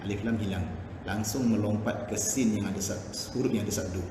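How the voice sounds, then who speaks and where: Malaysian Malay male Quran teacher, echoey room. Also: lowish voice. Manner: explains patiently, demonstrates by chanting verses slowly. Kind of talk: Quran recitation lesson with explanations. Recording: echoey room with background noise.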